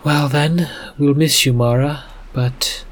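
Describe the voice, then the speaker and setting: A man's voice: on the high side, fairly even intonation, slow, soft background music, pitched above the performer's own voice. A man voicing a caring, worried middle-aged mother who speaks in a pleading, concerned way.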